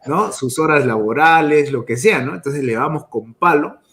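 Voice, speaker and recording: A man's voice: a little high, moderate pace, a bit bright. A man giving a motivational talk on emotions in business, telling stories and tagging his phrases with a questioning "¿no?". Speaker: network marketing speaker.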